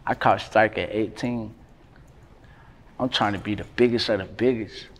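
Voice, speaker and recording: A man, talking casually in an interview, relaxed and slangy with lots of fillers. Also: lowish voice, moderate pace, a little hiss or hum. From North Carolina, USA. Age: 20s. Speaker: rapper, interview guest. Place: indoors by a brick wall.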